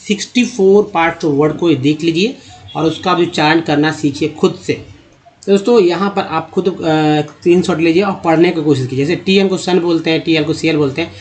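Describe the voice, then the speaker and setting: A man teaching reading, sounding words out slowly, syllable by syllable, and explaining in Hindi between the words. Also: a little high, rough recording. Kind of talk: slide-based reading lesson.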